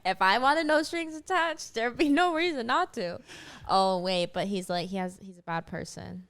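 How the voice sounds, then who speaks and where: A woman's voice: mid-range voice, moderate pace, fairly bright tone, a little hiss or hum. A woman co-hosting a casual podcast, giving dry, short reactions and laughing asides. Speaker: podcast co-host. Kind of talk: casual chat.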